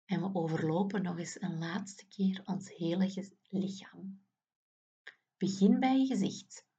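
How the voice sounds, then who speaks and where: A woman's voice: lowish voice, a little slow, mellow, husky, highs cut off. A woman guiding children through a muscle relaxation exercise, soothing and often dropping to a whisper.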